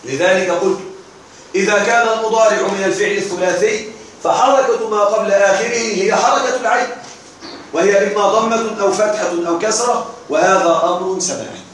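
A man teaching grammar to a classroom talks briskly in a fairly high, slightly bright voice, quizzing the room and then answering himself. Heavy echo makes the recording sound far away, and faint noise runs underneath.

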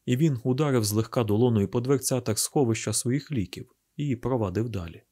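Guy reading a novel aloud, husky, calm and grave, mid pitch. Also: fairly quick. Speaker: narrator. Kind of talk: literary audiobook narration.

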